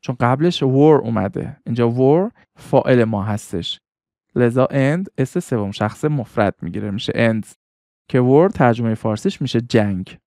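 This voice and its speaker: Clear-voiced man teaching vocabulary patiently. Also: medium pitch, lively intonation, warm tone, dry recording, clean studio sound. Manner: patient, repeats each word and its meaning slowly. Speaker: English teacher. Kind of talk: vocabulary lesson.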